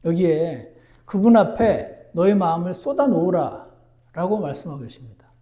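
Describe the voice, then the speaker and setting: A man preaching a sermon as pastor, earnest, moving between emphatic lines and hushed ones. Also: sits high, expressive, moderate pace. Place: church.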